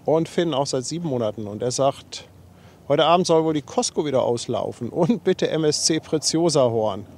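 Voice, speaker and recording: Reading viewer messages aloud on a livestream from a harbour riverbank, this host chats casually and pokes fun at himself, his nose slightly runny from a cold. He talks at a moderate pace in a slightly high, husky, somewhat mellow voice with lively intonation.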